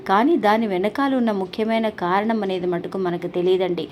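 A woman's voice: medium pitch, steady tone, a little fast, a little mellow, slight background noise. A woman hosting a devotional channel, telling a story in an earnest, polite way with frequent restarts.

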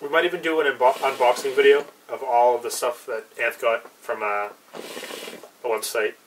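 A man's voice: mid-range voice, fairly even intonation, normal speed. A young man chatting casually in an unscripted review, laid-back and a bit hesitant, trailing off. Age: young adult. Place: small cluttered indoor room with brick wall. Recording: distant mic, clear background noise.

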